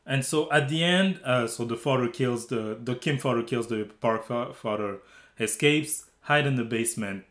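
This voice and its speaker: A man's voice: mid-range voice, normal speed, fairly bright tone, echoey room. A man co-hosting a movie review talk, thinking aloud with fillers and restarts. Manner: thoughtful, hesitant with fillers. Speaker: movie review podcast co-host. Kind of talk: casual conversational film review.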